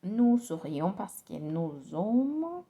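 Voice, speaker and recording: Slow, gravelly-voiced woman learning French. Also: mid-range voice, sing-song, narrow, tinny audio, very noisy. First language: Spanish. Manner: halting, repeats phrases, mutters to herself. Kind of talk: pronunciation practice.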